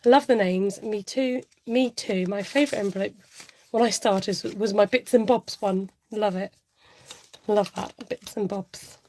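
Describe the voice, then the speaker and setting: Gravelly-voiced woman chatting on a livestream. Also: a little high, darkish tone, a little hiss or hum. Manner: chatty, giggly, reads viewer comments aloud. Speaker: budgeting livestream host. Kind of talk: casual livestream chat.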